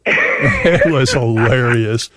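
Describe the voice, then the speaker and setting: Brief: mid-pitched man, chatty radio host, close and dry. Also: very slow, fairly bright tone, no room sound. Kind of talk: casual storytelling and interviewing.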